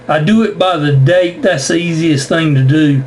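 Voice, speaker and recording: An amateur radio operator who records his contacts for YouTube explains things in a casual on-air conversation, often repeating his words. His voice is a little high and darkish in tone, at normal speed. The radio audio is noisy.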